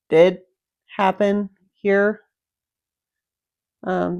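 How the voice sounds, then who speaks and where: Woman, gameplay walkthrough commentator, clear voice, slow easygoing explaining. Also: mid-range voice, a little mellow. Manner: unhurried, explanatory, thinking aloud. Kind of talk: casual game walkthrough commentary.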